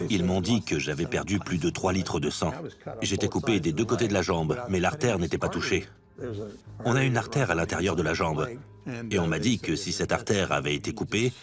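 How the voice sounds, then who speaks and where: A man with a very low voice recounts his experience in the first person, in documentary interview style. Clear music runs behind his words. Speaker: interviewee, shark attack survivor.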